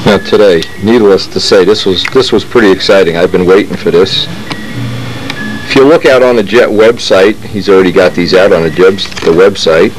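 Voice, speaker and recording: A low-pitched man talks at a moderate pace from his home workshop, where he runs a model airplane channel. He shows parts in a relaxed, rambling way, often halting to start sentences over, and the poor audio has a little hiss or hum.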